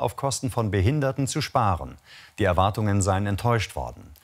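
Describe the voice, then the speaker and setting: Male news anchor, low voice, formal, even delivery. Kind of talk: scripted news presentation.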